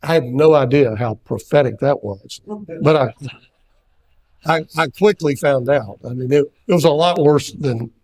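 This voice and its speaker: Older man from Kentucky, husky voice, rambling anecdotes at a seminar. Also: mid-range voice, measured pace, a little mellow. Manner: rambling storyteller with many fillers and restarts. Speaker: seminar speaker. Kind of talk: anecdotal talk.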